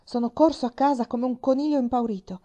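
A woman reading an audiobook, voicing a steady, protective pioneer father who sometimes raises his voice. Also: high-pitched, fast talker, voice pushed up, lightly acted.

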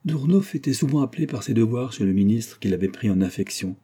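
A man narrating a classic novel as an audiobook in a measured, careful reading. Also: medium pitch, animated, mellow, breathy edge.

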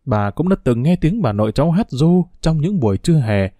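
A man's voice: a little high, sing-song, a little fast, mellow, dry recording. A man voicing an older woman in a read-aloud story, solemnly recounting family history. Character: older woman, stern but caring family servant.

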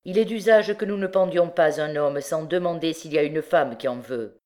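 A woman's voice: deep voice, normal speed, lightly acted. Woman narrator voicing a brutal, bellowing male thief king for an audiobook. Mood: mocking. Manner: loud, bellowing commands.

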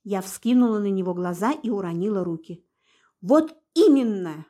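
A woman narrating a first-person novel aloud in an expressive, dramatic storytelling way. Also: medium pitch, brisk. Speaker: audiobook narrator.

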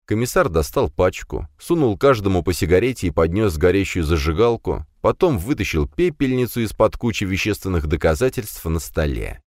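A man narrating an audiobook in an expressive, scripted reading. His voice is deep, with lively pitch movement. The recording is close and dry. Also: moderate pace, hardly any pauses, dry recording. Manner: expressive reading of a crime novel.

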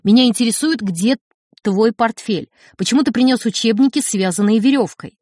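A woman's voice: a little high, moderate pace, a little mellow, dry recording, natural voice. A dry, stern mother, as a woman reader puts her on. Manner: dry, clipped, commanding. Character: stern, cold middle-aged mother. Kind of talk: audiobook character reading.

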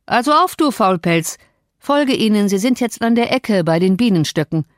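A woman's voice: mid-range voice, lively intonation, moderate pace, no echo, studio quality, pitched above the performer's own voice, natural voice. A woman voicing a harsh, scornful middle-aged master of the house in an audiobook, commanding with feigned heartiness. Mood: mock-hearty.

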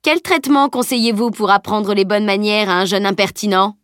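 A towering, good-natured knight who booms and teases, as a woman reader puts him on. His voice sits at an everyday middle pitch. The audiobook sound is dry and close. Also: steady tone, fairly quick, fairly bright tone, dry recording, natural voice. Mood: gruff teasing. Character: huge jovial male knight, gruff and teasing.

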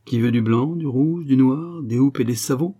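A man's voice: medium pitch, moderate pace, dark tone, voice pushed up, natural voice. A man reading an audiobook, voicing a fawning male peddler clown with a grotesque southern French accent and hawking patter.

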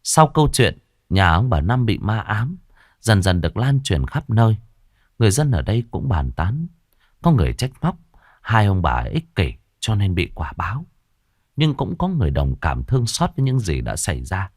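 Male ghost-story narrator, deep voice, very expressive. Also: moderate pace, no room sound. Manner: lively, dramatic storytelling. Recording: dry close mic with soft music.

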